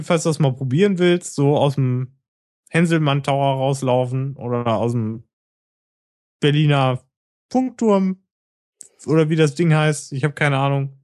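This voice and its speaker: A man co-hosting a casual podcast chat, teasing and sarcastic with an animated delivery. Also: fairly high pitch, no room sound, clean studio sound. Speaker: podcast co-host.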